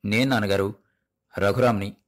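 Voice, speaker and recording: A man voicing a hunted young husband who speaks softly and tenderly to his father and wife. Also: lowish voice, fairly even intonation, normal speed, close to an everyday voice. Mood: hushed tender. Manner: whispering, tender.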